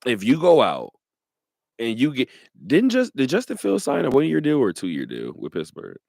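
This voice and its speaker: A man hosting a sports radio talk show, talking in an animated way, laughing often and repeating his points. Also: mid-range voice, moderate pace, creaky, no echo, studio quality.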